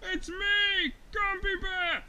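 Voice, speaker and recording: A storyteller voicing an excitable, bumbling cartoon bear in a children's story, with exclamations, stretched shouts and singsong nonsense syllables. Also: very high voice, normal speed, a loud crowd, voice pushed up. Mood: alarmed. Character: excitable, bumbling grumpy cartoon bear babbling bird noises.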